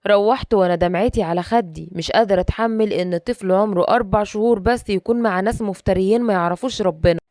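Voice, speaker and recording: An Egyptian woman tells a first-person story in brisk, emotional narration, moving quickly through the events. Her voice sits in the middle of the range and sounds close on the mic in a dry, deadened space. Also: medium pitch, darkish tone, no echo.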